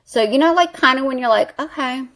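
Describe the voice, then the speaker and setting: A woman's voice: high voice, brisk, a bit bright, a little hiss or hum. A woman vlogger chatting animatedly, telling a story while doing her makeup.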